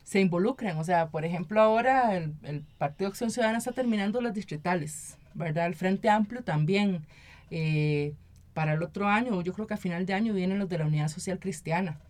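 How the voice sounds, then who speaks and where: Speaking a little fast in a lowish, darkish voice, this Costa Rican woman talks with a Costa Rican Spanish accent. As an activist guest in a conversational interview, she explains things and keeps checking in with short tag questions.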